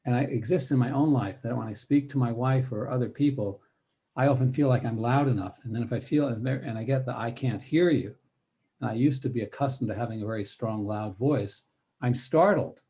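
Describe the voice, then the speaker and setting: Older male presenter, mellow low tone, measured workshop delivery with deliberate pauses and shifting emphasis. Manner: deliberate, pausing between phrases; demonstrates varied word emphasis. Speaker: guest presenter on speech strategies. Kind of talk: spoken workshop talk with demonstrations.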